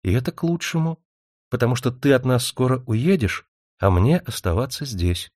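A man's voice: medium pitch, normal speed, no room sound, clean studio sound. Man voicing a cool young secretary woman. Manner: calm and flippant at first, later pleading.

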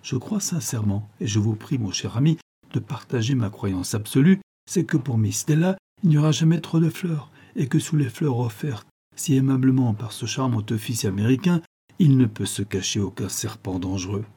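A man reading the part of a calm, ironic police inspector who speaks in a measured, gently persuasive way. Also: mid-range voice, breathy edge. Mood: reassuring.

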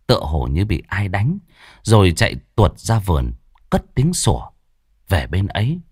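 A man's voice: low voice, huge pitch swings, normal speed, husky, dry recording. A man telling a ghost story in a vivid, dramatic way. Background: faint music.

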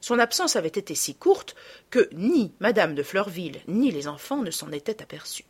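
Expressive woman reading a children's story. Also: fairly low pitch, normal speed, husky. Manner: expressive, drops softer for asides. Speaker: storybook reader.

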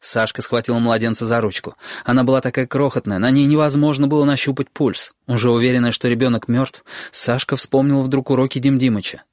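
A man narrating an audiobook in a measured, tense storytelling voice. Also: medium pitch, fairly even intonation, a little mellow, no echo, studio quality. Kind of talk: scripted narration.

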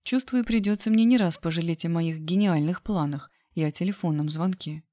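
A woman reading a first-person novel aloud in an even, steady way. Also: lowish voice, a little fast, no echo, studio quality. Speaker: audiobook reader.

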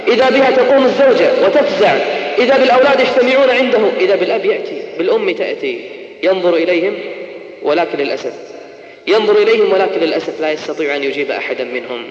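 A man preaching an emotional sermon, swinging from hushed to urgent and slowing into melodic chanted recitation. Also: high-pitched, expressive. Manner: impassioned, rising and falling, slow melodic chanting of verses. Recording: echoey hall, dull lo-fi tape.

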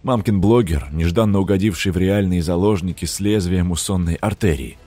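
A man's voice: low voice, a little fast, warm tone, dry recording, soft background music. A man narrating an audiobook in the first person, wry and dramatic.

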